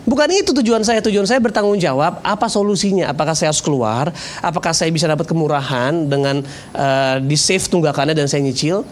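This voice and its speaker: High-voiced storytelling preacher man. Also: a little fast. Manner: storytelling, jokey, acts out dialogue. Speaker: pastor. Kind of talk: sermon.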